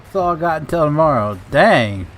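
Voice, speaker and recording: A man's voice: on the high side, lively intonation, fairly quick, slight background noise. Casual, cussing male game streamer. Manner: laid-back, swears casually, greets and thanks viewers. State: tired and grumpy. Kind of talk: casual live-stream chat while playing a farming game.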